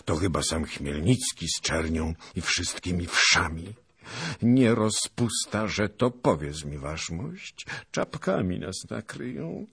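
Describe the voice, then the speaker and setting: A man's voice: sits low, takes it slowly, vocal fry, breathy edge, dry recording, clean studio sound, full character voice. A man doing a grumbling old nobleman. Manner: muttering and cursing, then shouting excitedly.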